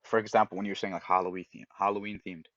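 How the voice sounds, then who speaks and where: A man with a low voice co-hosts a casual podcast and gives eager, direct advice. The audio is dry and dull, like a lo-fi call. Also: very fast, dry recording. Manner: animated, giving direct advice, acts out example voices. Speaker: podcast co-host.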